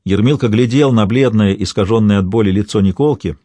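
A man's voice: fairly low pitch, dark tone, no echo. Man narrating a historical tale. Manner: measured storytelling.

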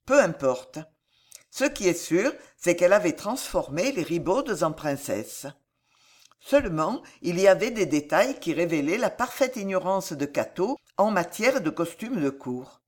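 The reader here is a woman, voice on the low side, who delivers a historical novel as an audiobook with measured and expressive narration.

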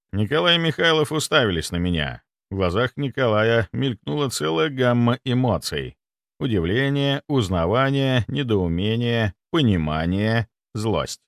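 Expressive male audiobook narrator. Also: mid-range voice, a little slow, dry recording, clean studio sound. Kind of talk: scripted first-person narration.

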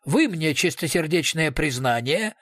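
A man's voice: on the high side, animated, unhurried, fairly bright tone, no room sound. Man doing a brutal investigator, sly, sugary politeness, snarling threats, audiobook figure, dry sound. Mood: mock-polite. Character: brutal male police investigator, sly, mock-friendly.

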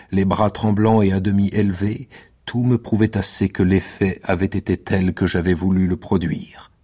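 A man giving a measured, intimate and theatrical radio reading of a classic novel in the first person. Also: low-pitched, a little mellow, husky. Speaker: reader.

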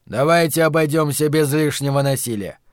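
A man's voice: on the high side, normal speed, dry recording, studio quality, close to an everyday voice. A man voicing a stern young police officer who speaks in clipped orders.

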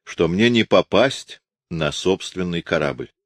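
A man voicing a calm, quietly amused spaceship captain who speaks pensively. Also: low voice, slow, no echo, clean studio sound, full character voice.

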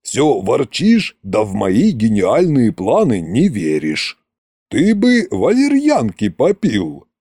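A man's voice: medium pitch, wildly swooping pitch, slow pace, dark tone, breathy edge, dry recording, studio quality, heavily acted. A man voicing a boastful, pompous immortal sorcerer king in an audiobook, grand and mocking. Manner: grand, self-satisfied, mocking. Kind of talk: audiobook character reading.

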